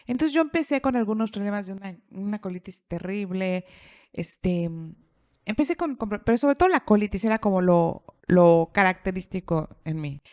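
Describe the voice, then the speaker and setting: A middle-aged woman tells a personal story in a relaxed podcast conversation. She repeats key phrases for emphasis and acts out the voices of people she quotes. Her pitch is moderate and the recording is dry, with no room echo. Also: moderate pace. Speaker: podcast speaker. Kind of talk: personal storytelling in casual chat.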